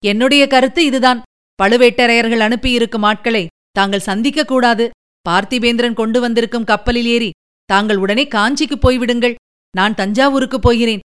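A woman voicing a cautious, deliberate older male army chief who speaks in a measured way, weighing each point. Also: fairly high pitch, fairly even intonation, smooth, close to an everyday voice. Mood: grave.

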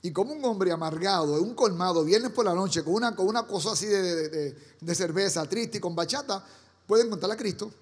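A Caribbean pastor with a high-pitched voice preaches with fervor, throwing questions at his congregation. His voice rings with a long echo through a church hall. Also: normal speed, long pauses, husky. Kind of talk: sermon.

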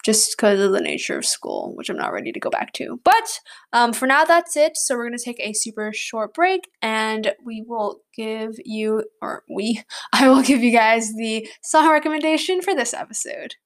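A young woman, a student whose first language is English, hosts her own solo podcast, chatting casually and rambling with many "likes" and "ums." Her voice is fairly high and animated, at a moderate pace.

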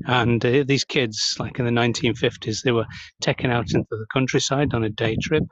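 A man chats into the mic with gum in his mouth, wandering from thought to thought with lots of ums and likes. His voice sits at an ordinary middle pitch. The recording is dull and dry, with no room sound around him. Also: fairly even intonation, brisk, no echo. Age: adult, 30s or older. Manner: rambling, many fillers. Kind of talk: casual monologue.

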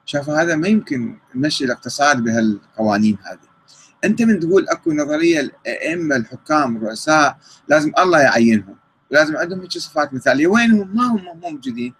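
A man's voice: on the high side, expressive, quick pace, fairly bright tone, a little hiss or hum, rough recording. A man with an Iraqi Arabic accent answering viewer questions in a live talk, reading them out and rebutting them conversationally.

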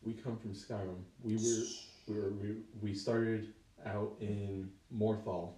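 A man's voice: lowish voice, little pitch movement, slow pace, dark tone. A man voicing a polite male adventurer in a tabletop game, speaking formally and carefully. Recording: roomy, from far off the mic.

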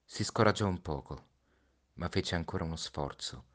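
A man reading a story aloud, slow and reflective with hushed pauses. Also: low-pitched. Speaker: storybook reader. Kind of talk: read-aloud story narration.

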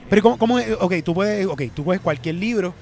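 A man with a Puerto Rican accent hosting a casual chat, excitable and joking, swearing freely. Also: high-pitched, fairly quick, creaky. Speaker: host.

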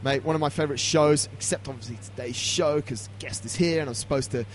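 A man's voice: medium pitch, fast talker, slight background noise. A man hosting a podcast in casual chat, with jokey, matey banter. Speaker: podcast host.

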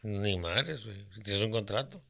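A man's voice: lowish voice, expressive, normal speed, creaky, a bit bright. A man in casual conversation, joking around with crude slang and banter. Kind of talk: casual chat.

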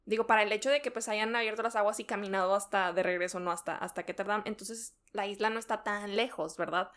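A woman's voice: mid-range voice, steady tone, quick pace, a bit bright. Woman, casual book chat, laughs a lot, trails off. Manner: chatty, laughs often, trails off mid-thought. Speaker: book podcast co-host.

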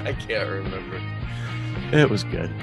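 A man's voice: sits low, lively intonation, unhurried, creaky, loud music behind the voice. A man co-hosting a podcast in casual chat, joking and laughing often while talking over a remote call. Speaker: podcast co-host.

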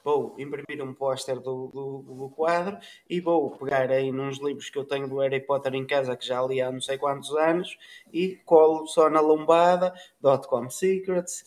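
A man's voice: medium pitch, steady tone, moderate pace, a little mellow. A man with a European Portuguese accent chatting casually in an irreverent, crude-mouthed way. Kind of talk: casual chat.

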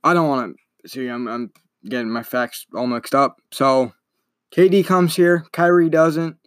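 A man's voice: medium pitch, a little slow, no room sound, clean studio sound. A young man hosting a casual solo sports podcast, talking in a rambling, chatty way and often correcting himself. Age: young adult. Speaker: podcast host.

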